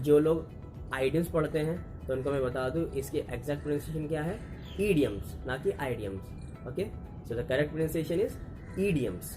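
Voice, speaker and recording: A man's voice: on the high side, darkish tone. A man with an Indian accent, teaching idioms to learners and mixing Hindi with English as he explains. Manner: mixes Hindi and English, repeats and restarts to explain.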